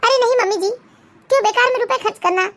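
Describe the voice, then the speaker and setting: A woman's voice: very high-pitched, very fast, fairly bright tone, slight background noise. A woman voicing a meek, timid young bride in a cartoon. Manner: timid, tearful. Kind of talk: Hindi cartoon voice acting.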